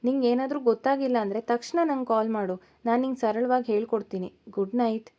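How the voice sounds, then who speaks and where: A woman voicing an affectionate young male college student who speaks gently and reassuringly in a storybook reading. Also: a little high, steady tone, a little fast, lightly acted.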